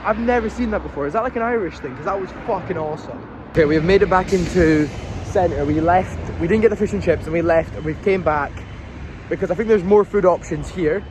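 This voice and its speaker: This young Scotsman has a high voice and a brisk delivery as he casually narrates a vlog of his day trip. He rambles and occasionally curses while walking outdoors through a blustery seaside town and city streets, captured in a noisy phone recording.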